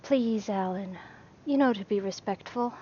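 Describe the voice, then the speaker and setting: A woman voicing a weary, formal young priest who speaks in a crisp, reserved way. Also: on the high side, unhurried, a little hiss or hum, close to an everyday voice. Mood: quiet, crisp. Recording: slightly dull lo-fi recording.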